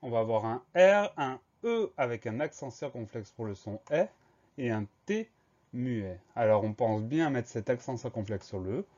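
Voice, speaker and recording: A man's voice: medium pitch, expressive, normal speed, a little mellow, lo-fi sound. A male teacher leading a spelling lesson, carefully spelling words out letter by letter. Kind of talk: dictation lesson.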